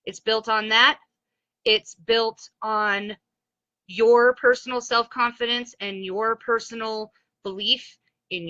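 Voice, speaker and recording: Blunt, bright-voiced woman giving a pep talk. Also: medium pitch, no echo, highs cut off. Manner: blunt, motivational, chatty with asides. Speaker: direct sales consultant. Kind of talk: Facebook Live pep talk. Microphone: phone.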